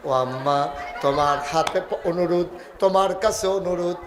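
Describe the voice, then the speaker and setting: A man preaching a waz sermon, telling a story with dramatic swings from soft pleading to shouting and sing-song wailing. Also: high-pitched, normal speed, reverberant, background noise.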